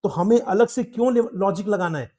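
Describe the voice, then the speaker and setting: A man's voice: sits high, moderate pace, warm tone. A man tutoring law exam students, explaining strategy in a direct, advising way and often checking in with "okay?". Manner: explains in Hindi mixed with English, asks "ठीक है?" often.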